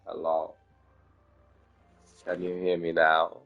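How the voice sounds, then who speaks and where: A man's voice: deep voice, completely flat delivery, slow pace, dull audio, faint music behind. A young man chatting casually and rambling with fillers, his mic cutting out so his volume keeps dropping and jumping on an online call. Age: young adult. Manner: rambling, lots of "like" and "um". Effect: mic cutting out, volume uneven and dropping quiet. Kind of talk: casual chat.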